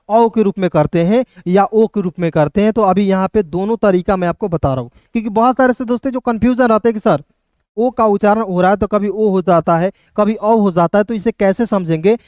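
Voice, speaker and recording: A man teaching English spelling rules, spelling out letters slowly and often asking viewers whether it is clear. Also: sits high, a little mellow, no room sound, clean studio sound. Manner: repeats questions to viewers, checks "clear?" often; slow, spelled-out letter drilling. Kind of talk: classroom-style spelling lesson. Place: hot room with a fan running.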